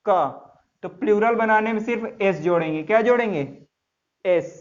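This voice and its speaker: A man's voice: high voice, moderate pace. A man teaching English grammar to a class, spelling words letter by letter and quizzing students with repeated questions. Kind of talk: classroom lesson. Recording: dull lo-fi sound.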